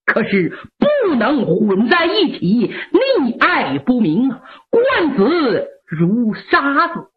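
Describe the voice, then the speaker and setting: In a traditional storytelling performance, a woman with a high voice and huge pitch swings speaks slowly with hardly any pauses, acting heavily. She voices a stern, unbending male army marshal who declaims firmly, at times tearfully, and the recording is lo-fi and narrow-band.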